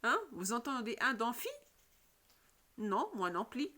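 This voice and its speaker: Woman teacher, slightly high, unhurried, patient phonics lesson for kids. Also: expressive, pushed and bright. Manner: slow, patient, repeats questions and checks with "d'accord?".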